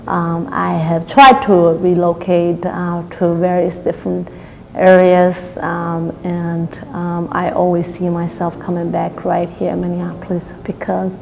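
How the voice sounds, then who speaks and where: A woman with a low, gravelly voice speaks in a flat, relaxed way, dotting her phrases with fillers. The recording has a long reverb and a faint hiss behind her. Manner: relaxed, with frequent "um" and "uh". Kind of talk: interview testimonial.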